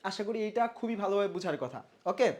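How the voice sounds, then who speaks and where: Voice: medium pitch, animated, a little fast, a little mellow. A teacher giving a live online revision class, quizzing viewers, reading their names from comments and drilling answers by repeating words, with English words mixed in. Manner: mixes English words into speech; clears throat now and then. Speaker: online exam-prep teacher.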